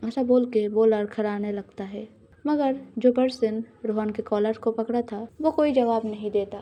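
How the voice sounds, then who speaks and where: A woman narrating a scripted audio love story in a plain, even storytelling manner. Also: fairly high pitch, normal speed, lo-fi sound.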